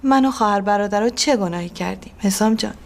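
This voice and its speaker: An actress playing a middle-aged mother, soft and affectionate but reproachful toward her son. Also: medium pitch, gravelly, close to an everyday voice. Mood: tender. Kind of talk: TV drama acting.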